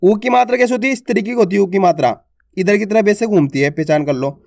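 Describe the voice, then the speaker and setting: Man teaching Hindi letters, drawn-out sounds. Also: high voice, creaky, darkish tone, dry recording, studio quality. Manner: asks questions then answers them, repeats sounds slowly and stretched. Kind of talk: online alphabet lesson.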